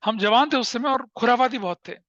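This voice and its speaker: A teacher lectures a class and tells stories with energy, often asking his students questions. His voice sits high and sounds bright and forceful. The sound is dry and a bit muffled. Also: brisk, no echo. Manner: animated storytelling, asks the class questions.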